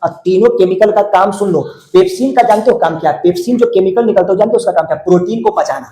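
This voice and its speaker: A man's voice: sits high, quick pace, dark tone. A male teacher, drilling students with repeated call-and-response questions in colloquial speech. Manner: repeats words many times, colloquial. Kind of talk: classroom lesson. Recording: echoey room.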